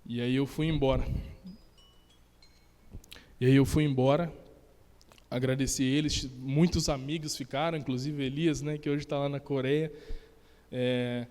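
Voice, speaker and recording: A man's voice: mid-range voice, measured pace, long pauses. Brazilian man telling a story in a reverberant church. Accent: Brazilian Portuguese. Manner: animated, acts out dialogue in the story. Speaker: preacher giving testimony. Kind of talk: storytelling testimony in a church service. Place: church sanctuary. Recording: long church hall reverb.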